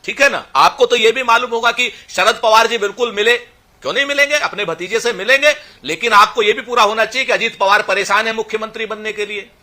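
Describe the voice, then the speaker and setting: High, bright-voiced debating man. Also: fast talker. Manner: combative, interrupts, pleads for a turn. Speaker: party spokesperson in TV debate. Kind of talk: heated TV debate argument.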